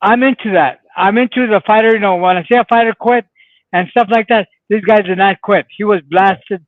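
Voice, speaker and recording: A man's voice: high voice, brisk, no echo. A man hosting a boxing talk show from a remote line, making short, emphatic remarks. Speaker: show host. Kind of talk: casual boxing chat. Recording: tinny phone-like line.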